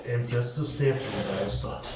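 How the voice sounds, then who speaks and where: A man playing a mafia game who argues his case insistently and pleads for the others' votes. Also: medium pitch. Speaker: game player. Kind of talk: arguing in a social deduction game. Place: game cafe room. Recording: distant mic, echoey room, noise.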